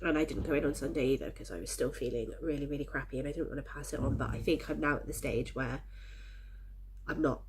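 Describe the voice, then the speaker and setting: Against a noisy background, a crafting vlogger with an extremely low voice talks quickly to camera. She has a head cold and sounds slightly congested and coughy, but she rambles cheerfully to her viewers.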